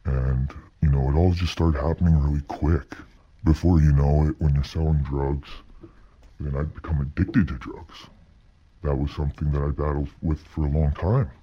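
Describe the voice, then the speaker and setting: A man giving a candid interview in a disguised, artificially deepened voice, speaking haltingly and often checking in with "right?". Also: steady tone, husky. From Canada. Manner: halting, frequent "you know" and "right?". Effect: pitch-lowered anonymity disguise. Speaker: interview guest, former gang member. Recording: muffled, dull lo-fi processed sound.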